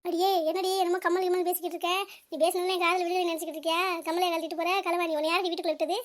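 A woman voicing a sharp-tongued elderly mother in a cartoon, scolding and bossy. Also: very high-pitched, flat delivery, rapid-fire. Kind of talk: cartoon comedy voice acting.

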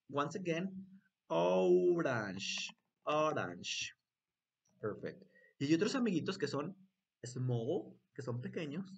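A man's voice: on the high side, creaky, husky. A man teaching an online English lesson to young children, switching languages and repeating words for them to echo in a playful voice.

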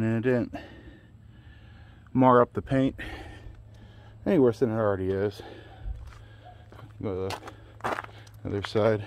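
A man's voice: medium pitch, a little mellow, a little hiss or hum. A man vlogging casually while working on his truck, slightly out of breath, rambling with fillers. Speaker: DIY car vlogger. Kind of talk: casual garage vlog.

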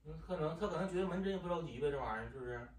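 Fast-talking Northeastern Chinese man, echoey room. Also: on the high side, expressive. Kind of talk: casual family chat. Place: home living room, standing while holding a baby. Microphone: camera across the room. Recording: echoey living room, distant mic, faint noise.

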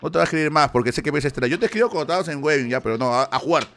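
Man, Peruvian Spanish accent, lively swooping pitch, a bit high, excitable live streamer. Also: rapid-fire, a little hiss or hum. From Peru. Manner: excitable, thinks aloud, yelps when winning. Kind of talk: live gambling stream commentary.

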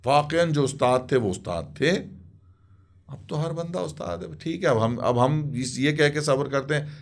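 A man's voice: fairly high pitch, moderate pace, gravelly. A man appearing as a guest poet in a casual podcast conversation, talking in an opinionated, emphatic way, dropping "yaar" and pushing harder as he makes his points. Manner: informal, says "yaar" often.

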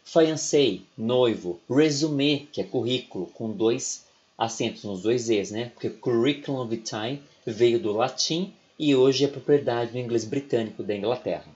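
Giving an online English class, this Brazilian man chats along unhurriedly, adding "né?" and "ok?" to his sentences again and again in a Brazilian Portuguese accent. He has a mid-range, darkish voice, and the audio has its highs cut off.

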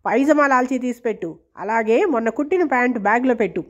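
A woman's voice: on the high side, lively intonation, quick pace, lightly acted. A woman reading as a scornful rich landlord. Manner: taunting, bossy. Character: arrogant rich male landlord, scornful and mocking. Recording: dull lo-fi recording.

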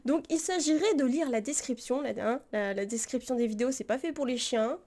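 A young woman streams live while reacting to parody videos, chatting casually and rambling with lots of fillers and frequent laughter. Her voice sits high, with a brisk pace and a darkish tone.

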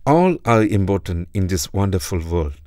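Man doing a young sunflower seedling, storybook, eager, wondering, deep lively voice, dry sound. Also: moderate pace, dry recording. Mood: delighted. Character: cheerful young sunflower seedling, wide-eyed.

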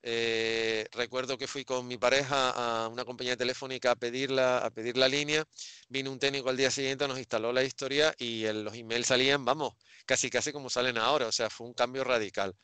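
A middle-aged man from Spain with a bright, crisp voice, speaking over a headset on a video call. He picks his way through his thoughts with restarts and small hesitations. The sound is dry and close. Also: medium pitch, fairly even intonation, a little fast, no room sound. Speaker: interviewer. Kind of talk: casual video-call interview. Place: home room with bookshelves.

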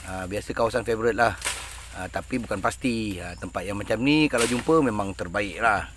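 A middle-aged man with a Malaysian Malay accent, a fishing vlogger, chats fairly quickly in a lowish voice while fishing on a river from a small boat. He laughs a lot and teases the person with him, with background noise in the clip.

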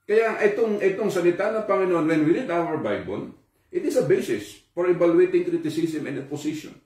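A man giving a sermon in a relaxed, conversational way, mixing Tagalog and English with frequent fillers. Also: a little high, moderate pace. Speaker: preacher. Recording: echoey room, from far off.

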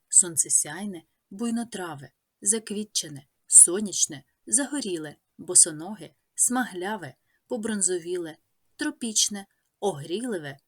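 A woman teacher with a Ukrainian accent, reading a scripted lesson in a measured way and listing words one by one. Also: mid-range voice, fairly bright tone, slightly rough.

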